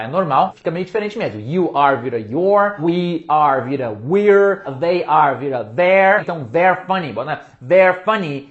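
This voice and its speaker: Brazilian male English teacher, energetic and playful online lesson, slightly muffled lo-fi recording. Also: a little high. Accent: Brazilian Portuguese. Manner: energetic, playful, hypes his materials. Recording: slightly dull lo-fi sound.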